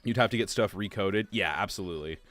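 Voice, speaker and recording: A young man chatting casually on a game livestream, answering viewers and filling pauses with "like" and "uh". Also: lowish voice, a bit bright, no echo, soft background music. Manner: chatty, reads and answers chat, many fillers. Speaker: streamer. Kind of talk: casual livestream chat while playing.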